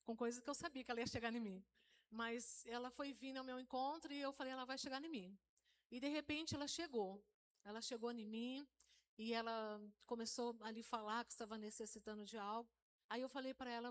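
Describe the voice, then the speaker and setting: A woman's voice: fairly high pitch, a little hiss or hum. A middle-aged woman from inner São Paulo giving a storytelling testimony to a live church congregation, often calling out to the brothers. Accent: Brazilian Portuguese, interior São Paulo. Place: church hall, live service.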